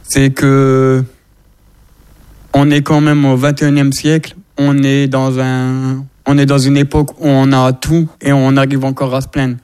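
An earnest man joins a casual discussion with a smooth, resonant voice. His pitch stays fairly level as he presses his point through repeated phrases. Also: monotone, a little slow, a little mellow. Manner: earnest, exhorting, repetitive phrasing. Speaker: guest speaker.

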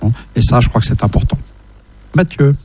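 A man's voice: mid-range voice, lively intonation, a little fast, darkish tone, breathy edge. A man hosting a casual discussion, speaking hesitantly with many fillers and restarts, passing a shared microphone. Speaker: host.

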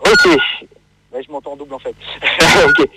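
A man's voice: on the high side, moderate pace, over loud music. A man phoning into a radio show. His voice comes through a phone line into the studio, and he speaks in a loose, chatty way. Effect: caller heard over a phone line into the studio. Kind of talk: casual phone-in chat.

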